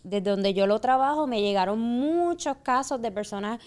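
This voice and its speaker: A woman's voice: fairly high pitch, expressive, moderate pace, a little mellow. A woman psychologist, hosting a podcast conversation and explaining relationships with reflective emphasis.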